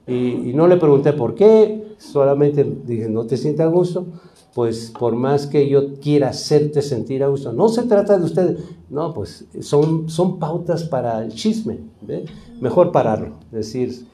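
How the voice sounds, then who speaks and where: A man's voice: mid-range voice, lively intonation, a little slow, mellow, reverberant. A man, preaching a conversational sermon as pastor and often asking his congregation questions. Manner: conversational preaching, acts out gossipers, asks the congregation. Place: church.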